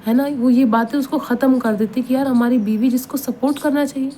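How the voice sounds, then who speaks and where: A woman's voice: high-pitched, steady tone, mellow, slight background noise. A woman giving an Islamic motivational advice talk, earnest and repetitive, pleading with listeners and often checking they agree. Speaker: advice speaker.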